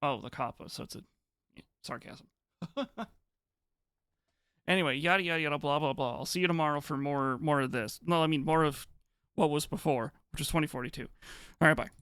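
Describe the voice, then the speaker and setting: A man's voice: a little high, fairly quick, fairly bright tone, clear, resonant tone, no room sound, clean studio sound. A man streaming live, chatting casually with viewers in a rambling, hesitant way, often restarting his sentences. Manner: reads and answers chat messages.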